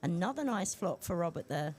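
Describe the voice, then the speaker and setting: A woman's voice: on the low side, big pitch swings, a little fast, darkish tone. A woman co-hosting live poker commentary, chatty and playful, asking questions and bantering with her partner.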